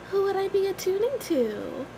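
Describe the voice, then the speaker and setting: A woman's voice: very high voice, background noise. A woman chatting casually as a player in a tabletop role-playing game.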